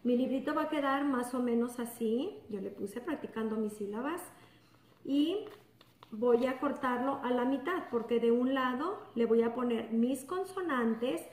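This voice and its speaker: A woman preschool teacher explains a simple activity to parents step by step. Her voice is high and friendly. She sounds a little away from the mic in an echoey room. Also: measured pace, a little mellow, recorded from a distance. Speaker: pre-kindergarten teacher. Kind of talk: instructional video for parents.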